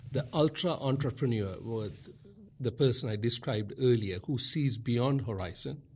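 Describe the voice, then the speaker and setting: A man giving conversational advice as a podcast guest and coach, explaining in halting phrases. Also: medium pitch, a little mellow, a little hiss or hum.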